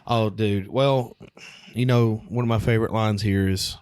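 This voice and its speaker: A man's voice: on the low side, fairly even intonation, moderate pace, darkish tone, smooth, no echo, clean studio sound. A man in his thirties co-hosting a podcast, chatty and upbeat, laughing easily in casual chat. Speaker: podcast co-host.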